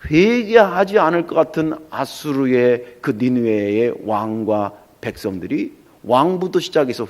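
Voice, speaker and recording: A middle-aged male pastor preaching a sermon in a lively, storytelling way, acting out the voices in the story. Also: a little high.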